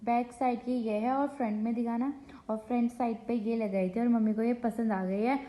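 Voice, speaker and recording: A young woman vlogs from her home and speaks into a phone camera. Her voice sits a little high. She chats casually and tells stories in an animated way, repeating words for emphasis. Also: normal speed. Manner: chatty, animated storytelling with repeated phrases. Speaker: vlogger. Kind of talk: casual home vlog chat. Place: at home, indoors.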